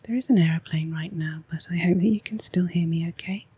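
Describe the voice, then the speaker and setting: A woman with an English accent, speaking in a hushed, half-whispered voice as she hosts a soft-spoken, rambling ASMR card reading. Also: fairly low pitch, a little fast, husky. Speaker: oracle card reader and ASMR host.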